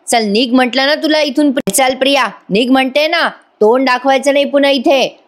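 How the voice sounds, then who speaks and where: A woman's voice: high-pitched, moderate pace, pitched above the performer's own voice, close to an everyday voice. A woman voicing a stern young wife who harshly orders an unwanted guest out of the house. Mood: scornful. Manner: harsh, commanding.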